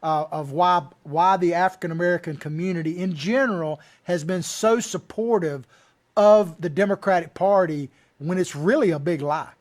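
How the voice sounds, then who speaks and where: A man's voice: sits high, normal speed. A man from small-town Florida with an old Florida cracker Southern accent, hosting a talk show in a folksy, rambling, conversational way. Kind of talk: conversational interviewing.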